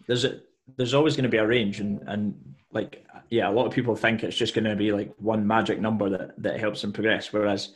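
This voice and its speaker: A man with a lowish voice talks as a guest on a podcast. He explains his coaching approach in a measured, steady way, with plenty of "like" and "um" along the way. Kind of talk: casual podcast interview.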